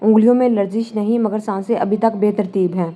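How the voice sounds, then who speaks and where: A woman narrating a novel as an audiobook, in a calm, even storytelling manner. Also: medium pitch. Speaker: novel reader.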